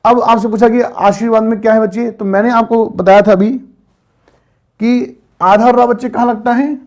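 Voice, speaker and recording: High-pitched male teacher, online grammar class, patient and repetitive quizzing. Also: fairly even intonation, normal speed, a little mellow. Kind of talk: online Hindi grammar lesson.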